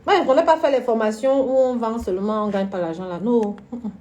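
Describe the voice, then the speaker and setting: A woman's voice: fairly high pitch, fast, mellow, dull audio. A woman hosting a casual live stream, chatting frankly about business and answering viewers by name, often laughing. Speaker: florist and event decorator hosting a live stream.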